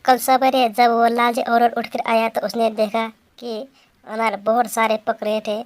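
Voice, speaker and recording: A woman narrating a children's story in a flat, repetitive telling. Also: a little high, normal speed.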